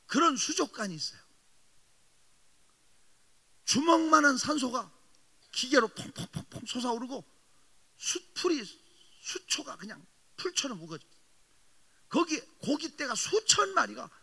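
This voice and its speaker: In a church sanctuary, a middle-aged pastor delivers a revival sermon, animatedly telling a story and poking fun at the congregation. He speaks in a very high, sharp, slightly rough voice, captured with the lengthy echo of a big hall.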